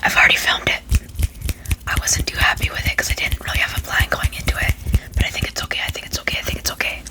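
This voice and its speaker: Fast rambling ASMR whisperer. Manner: rambling, repeats short phrases over and over. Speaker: ASMR video creator.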